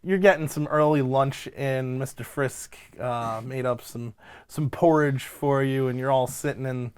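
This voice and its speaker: A man narrating a tabletop game as game master, improvising in a casual, halting way. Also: medium pitch, clean tone.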